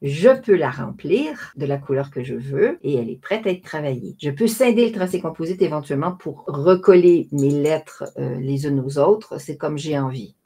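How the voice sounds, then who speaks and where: A woman, explaining a design software tutorial step by step in a chatty way. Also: deep voice, expressive, moderate pace, hardly any pauses, slightly rough. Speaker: craft software tutorial host. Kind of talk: screen-recorded tutorial narration.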